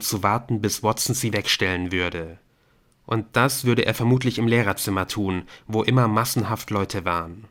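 A man narrates a novel in a steady, measured reading voice. His pitch sits on the low side, and the delivery stays even and scripted. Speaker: audiobook narrator.

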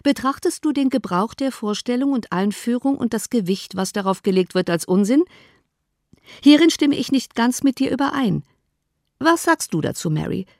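A woman reading an audiobook, voicing a dry, ironic middle-aged father who teases in a measured way. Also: fairly high pitch, animated, a little mellow, no room sound, pitched above the performer's own voice. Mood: teasing. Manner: measured, wry teasing. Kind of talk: audiobook character voice.

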